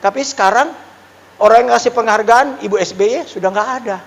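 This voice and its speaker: A middle-aged male pastor preaching a sermon and telling a personal testimony in an animated, exclamatory way, dropping suddenly into quiet asides. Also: sits high, a little fast, gravelly. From Indonesia. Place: church hall. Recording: reverberant church hall.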